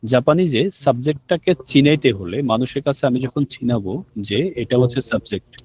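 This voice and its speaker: A man with a brisk, mid-range voice, a little mellow and slightly rough, teaches a language class online. He walks through the material step by step, quizzes his students, and repeats key words.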